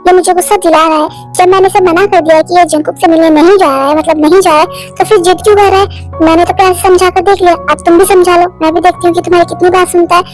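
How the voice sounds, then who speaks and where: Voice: very high voice, little pitch movement, fast talker, faint music behind. A voice actor playing a strict, short-tempered young mother scolding her son in an amateur fan dub. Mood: irritated. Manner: scolding, firm.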